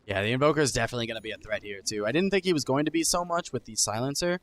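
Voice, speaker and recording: A man's voice: mid-range voice, rapid-fire, fairly bright tone. A man giving casual play-by-play esports commentary, thinking aloud, hedging and correcting himself as he goes. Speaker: esports caster.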